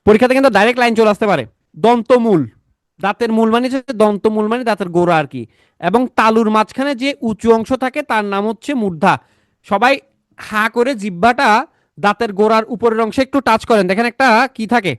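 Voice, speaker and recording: Guy teaching grammar online, really high voice, keeps repeating stuff and asking the class, super dry sound. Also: no room sound. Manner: repeats key points and quizzes students with questions; casual, chatty teaching tone. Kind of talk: online exam-prep lecture.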